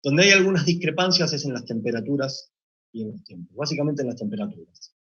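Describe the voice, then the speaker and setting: Husky man giving a technical talk. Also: medium pitch, expressive, bright, forceful tone. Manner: measured, explanatory, occasional hesitations. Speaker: meat plant deputy manager presenting. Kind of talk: technical conference presentation. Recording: dull lo-fi recording.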